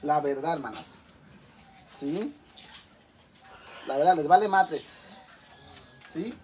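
A man's voice: on the high side, takes it slowly, a little mellow, a little hiss or hum. A middle-aged man with a Mexican accent ranting casually to his viewers in an exasperated, profane way. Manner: exasperated, swears a lot. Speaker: vlogger. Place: home kitchen.

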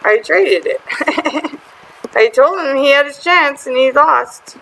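A woman hosting a casual gaming video, chatty and excitable, often exasperated with other players. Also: high voice, slow pace, gravelly, a little hiss or hum, rough recording. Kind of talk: casual gameplay commentary.

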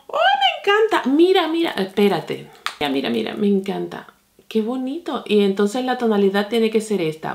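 A woman beauty vlogger chatting excitedly through a product review, calling her viewers friends. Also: medium pitch, creaky.

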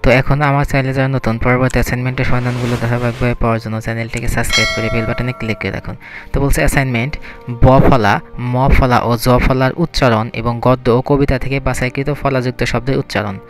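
A man working as an online tutor, reading out a homework answer and slowly going through word lists one word at a time. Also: mid-range voice, level tone, over music.

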